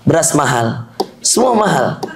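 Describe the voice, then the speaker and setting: A man's voice: fairly high pitch, very animated, measured pace, gravelly, pitched below the performer's own voice, full character voice. A preacher mimicking a whiny man begging over money. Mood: whining plea. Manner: pleading, lamenting.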